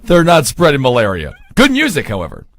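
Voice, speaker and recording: A man's voice: mid-range voice, huge pitch swings, a little fast, a crowd in the background. A man hosting a casual comedy podcast, rambling, swearing and laughing often. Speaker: podcast host.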